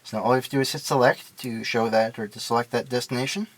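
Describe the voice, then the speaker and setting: In an ordinary mid-pitched voice, a man walks through a product demo, explaining each step plainly and matter-of-factly. His casual, unscripted delivery moves quickly with fairly even intonation and a slightly bright tone.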